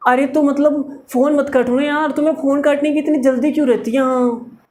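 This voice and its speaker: A man's voice: very high voice, fairly even intonation, fairly quick, darkish tone, slight background noise. A man voicing a lovesick young man who begs his girlfriend not to hang up the phone. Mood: whiny. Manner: whiny, insistent.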